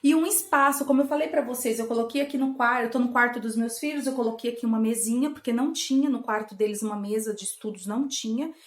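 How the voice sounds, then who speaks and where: A woman with a high, bright-sounding voice talks parents through learning games at home. She is coaxing and playful, acting out little exchanges with a child. The sound bounces around the echoey bedroom she records in. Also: quick pace, few pauses. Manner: warm, coaxing, acts out playful dialogue with a child. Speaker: channel host giving parenting tips. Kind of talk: casual home teaching talk.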